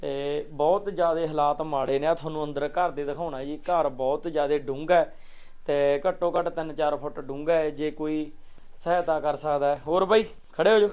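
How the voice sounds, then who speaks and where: A young charity vlogger from Punjab, India, stands outdoors at a village home with a handheld mic, pleading on camera for help for a poor family and repeatedly asking viewers to share and help. His voice is a little high and darkish, clean, with fairly even intonation at a normal speed.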